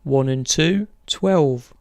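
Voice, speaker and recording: A bingo caller announcing numbers in measured, formulaic set phrases. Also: mid-range voice, darkish tone, no room sound, studio quality.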